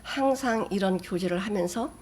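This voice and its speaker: A woman pastor giving a sermon, who swings from loud emphatic bursts to soft, near-whispered asides. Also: normal speed, breathy edge. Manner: emphatic, with sudden rises in pitch and loudness.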